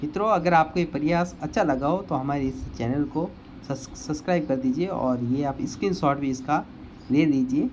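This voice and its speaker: A man's voice: on the high side, a little mellow, slight background noise. A man teaching a Hindi grammar lesson for exam preparation, explaining word by word and repeating the wrong and right forms of each word. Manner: explains slowly, repeating words and correcting spellings.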